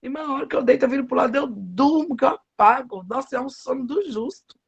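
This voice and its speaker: A woman's voice: sits high, animated, fast, gravelly, husky, dull audio. A middle-aged woman preaching a devotional sermon, with emphatic, folksy storytelling.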